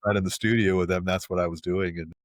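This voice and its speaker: A middle-aged man talking casually as a podcast guest, rambling and restarting often, getting animated when he explains. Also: deep voice, quick pace, no room sound, clean studio sound. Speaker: podcast guest, marketing agency president. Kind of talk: casual interview talk.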